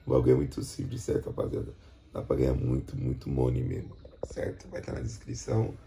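A man's voice: a bass voice, expressive, brisk, gravelly, noisy background. A man from Brazil hosting a casual vlog chat, slangy and plugging a sponsor link, tagging lines with "certo, rapaziada?". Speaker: host.

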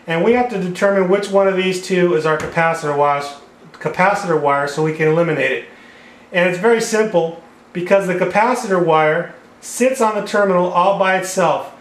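A high-pitched, fairly quick male voice belongs to an HVAC repair instructor breaking down wiring step by step as he draws on a whiteboard. A camera over the board records him at a table in an indoor room, and the sound is echoey.

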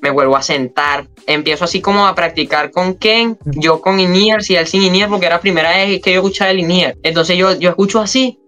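A man's voice: high-pitched, fairly quick, hardly any pauses, faint music behind. A man, a freestyle rapper guest, telling a story casually and acting out the dialogue. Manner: animated, retells scenes with quoted dialogue.

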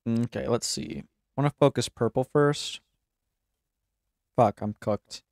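A man's voice: mid-range voice, takes it slowly, creaky, a little mellow, no echo, clean studio sound. A young man casually commenting while playing a game, chatty and laughing at himself. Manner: chatty, laughing, self-mocking. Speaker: gaming channel host.

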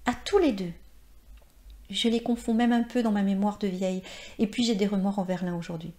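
A woman reads aloud as a former actress of sixty-nine, wistful and passionate, turning bashful when pressed. The voice is warm and mellow, at an ordinary pitch for a woman, in a read-aloud short story. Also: steady tone, brisk, lightly acted.

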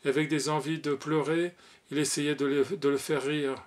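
A man reading a short story aloud as an audiobook, expressive, giving the characters' lines their own voices. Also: fairly high pitch, normal speed. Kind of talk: audiobook narration.

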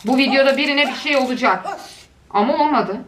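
A woman's voice: high-pitched, brisk, crowd noise. A woman giving casual reaction commentary on funny videos, chatting and cooing doting exclamations at what she watches. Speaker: video creator. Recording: echoey room with faint noise.

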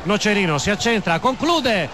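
High-pitched male radio football commentator. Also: big pitch swings, moderate pace, over a noisy crowd, very noisy. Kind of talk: live play-by-play sports commentary. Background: stadium sound, music.

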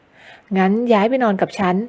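A woman's voice: moderate pace, a little mellow, lightly acted. A woman voicing a brusque, short-tempered young man who fires blunt, scolding questions in an audio novel. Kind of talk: audiobook character voice.

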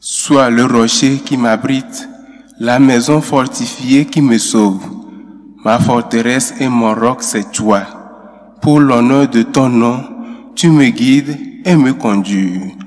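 A man reading scripture and psalm verses as lector at a mass, slow and measured. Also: medium pitch. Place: church. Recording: long church reverb.

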